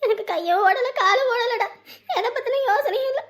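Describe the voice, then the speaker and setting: A high, quick-talking village mother, played by a woman, who is anxious and eager to have family gather, pleading with a laugh breaking through her tears. Her speech rushes along at a fast clip. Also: fairly bright tone. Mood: tearful joy. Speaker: mother of the girl. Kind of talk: village drama acting.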